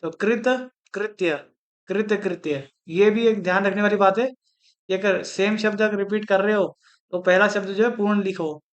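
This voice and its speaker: A man from India teaches a Hindi spelling lesson for exam preparation, slowly repeating each word and explaining its correct form. His voice is high and his tone steady.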